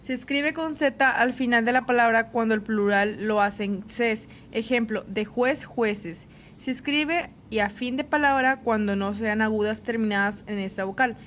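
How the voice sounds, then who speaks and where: A woman reading a spelling and grammar lesson aloud, with a steady, list-like delivery of rules and examples. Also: a little high, normal speed, a little hiss or hum. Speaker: teacher.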